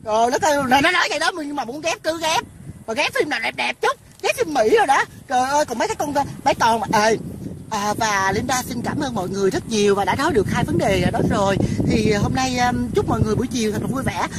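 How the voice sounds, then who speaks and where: High-voiced woman ranting. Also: lively intonation, quick pace. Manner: profane, insulting, scolding. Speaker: online personality. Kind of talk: angry rant to camera. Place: outdoors by a rain-filled pit. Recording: outdoor traffic noise behind.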